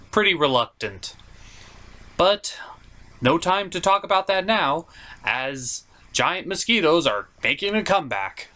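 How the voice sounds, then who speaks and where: Here a funny movie reviewer runs a recap, delivering comedic commentary in a very lively, sarcastic way, with a pitch that jumps around from line to line.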